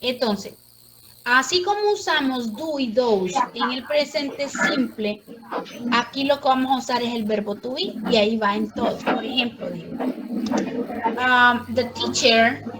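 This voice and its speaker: A woman's voice: on the high side, unhurried, heavy background noise. A woman teaching English grammar to a class, explaining patiently step by step.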